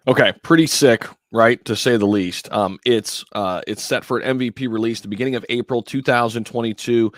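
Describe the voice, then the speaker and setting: A man's voice: medium pitch, brisk, hardly any pauses, no room sound. Male livestream host, crypto bro type: casual promotional patter, slangy, very dry recording.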